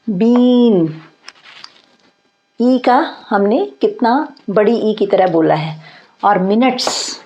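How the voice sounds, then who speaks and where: A woman's voice: medium pitch, dark tone. A woman teaching English grammar in Hindi, patiently reading out example sentences and checking in with her learners. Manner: patient, repeats points and checks with "theek hai". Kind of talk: grammar lesson explained in Hindi.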